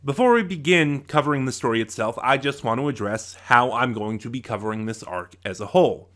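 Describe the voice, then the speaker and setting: Brisk and lively in intonation, this mid-range, fairly bright male voice belongs to a channel host reviewing an audio drama. His semi-scripted commentary is informal and explanatory, with self-corrections along the way.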